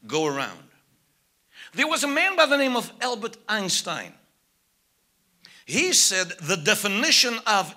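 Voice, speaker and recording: An older South African evangelist, a native Afrikaans speaker with a South African accent, preaches a sermon from a church pulpit, shifting from soft asides to loud, emphatic preaching. His voice is high-pitched, picked up by a pulpit mic with a medium camera.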